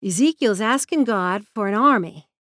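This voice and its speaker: A woman voicing a gentle, earnest Southern mechanic who speaks in a calm, reassuring way. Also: medium pitch, normal speed, no echo, studio quality, lightly acted.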